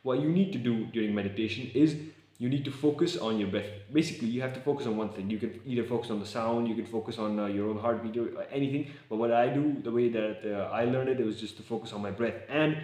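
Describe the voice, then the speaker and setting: A young man vlogging in casual, excitable talk to camera, slangy and swearing. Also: medium pitch, fast talker. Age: young adult. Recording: echoey room.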